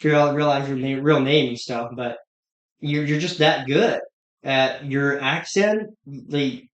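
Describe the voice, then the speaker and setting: A man's voice: mid-range voice, slow pace, lo-fi sound. A man with a Pennsylvania Dutch accent hosting an interview, asking curious questions in a casual chat. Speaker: host. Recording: roomy echo.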